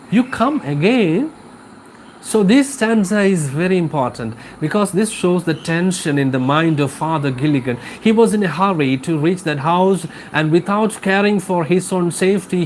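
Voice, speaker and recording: A man's voice: on the high side, normal speed, hardly any pauses, a little hiss or hum, low-quality recording. A man teaching an English class live, explaining a poem with repetition and questions to his students.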